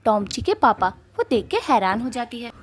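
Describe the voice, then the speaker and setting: A woman narrating a cartoon story in a plain, steady way. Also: a little high, moderate pace, slightly rough.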